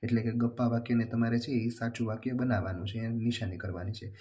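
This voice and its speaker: Male teacher, steady plain reader, mid pitch, dark mellow tone. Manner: steady, plain reading, slowing for rhymes. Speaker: teacher going over a workbook. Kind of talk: reading out workbook answers.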